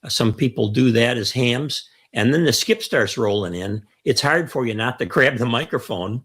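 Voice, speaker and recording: This mature man, a co-host on a ham radio show, has a medium-pitched, fairly bright voice with a breathy edge and talks expressively at normal speed. He chats his way through a list of points, counting them off and repeating key phrases for emphasis.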